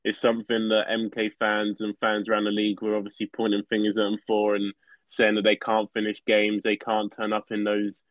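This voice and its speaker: Low, flat-voiced young man. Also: no echo. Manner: rambling, many fillers like "like" and "sort of". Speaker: podcast co-host. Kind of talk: casual sports chat. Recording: slightly dull podcast audio.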